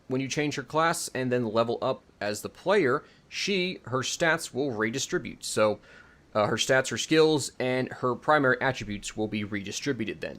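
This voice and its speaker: In a mid-range, slightly bright voice, a man demonstrates a game mod he made, hosting an unscripted, casual video tutorial. He rambles informally and keeps second-guessing and correcting himself.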